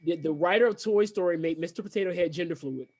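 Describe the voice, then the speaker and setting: A man's voice: on the high side, quick pace, darkish tone. A man co-hosting a podcast in casual chat, opinionated and rambling with restarts. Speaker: podcast co-host.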